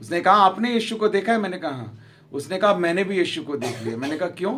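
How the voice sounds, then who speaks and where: A man preaching a sermon in Punjab Hindi, telling a personal story and acting out the dialogue, dropping to hushed tones at emotional moments. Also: sits high, expressive, fast talker. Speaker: pastor. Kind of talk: sermon testimony. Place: large prayer gathering.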